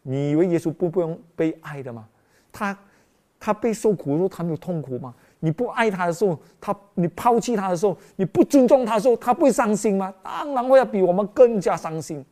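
A man's voice: high-pitched, expressive, a little fast, mellow. A man preaching a Christmas sermon with emotional, dramatic exclamations, often calling out to the congregation as brothers and sisters.

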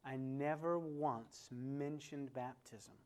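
A man's voice: medium pitch, fairly even intonation, takes it slowly, darkish tone. A male evangelist pastor teaching in a sermon style, telling stories with emphatic repetition.

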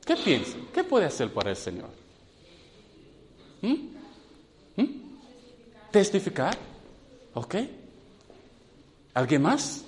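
High-voiced man preaching in a reverberant hall. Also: huge pitch swings, a little hiss or hum. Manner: questions the audience, halting non-native Spanish. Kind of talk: sermon testimony to youth.

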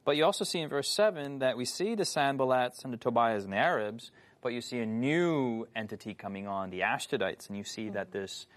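A man leads a relaxed Bible study, his voice sitting in an ordinary middle range. He speaks in a lively, good-humored way and keeps steering the conversation along. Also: mid-range voice, fairly quick.

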